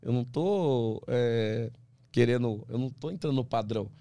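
A man, an ultramarathon runner from Brazil, talking as a podcast guest, animated and full of restarts, acting out what others say. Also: medium pitch, moderate pace, gravelly, dry recording. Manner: animated storyteller, many restarts, acts out quoted voices. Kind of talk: casual interview talk.

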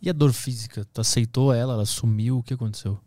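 A man's voice: medium pitch, quick pace, mellow, no echo. A man hosting a podcast who asks probing questions and plays devil's advocate. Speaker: podcast host. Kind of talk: casual interview questions.

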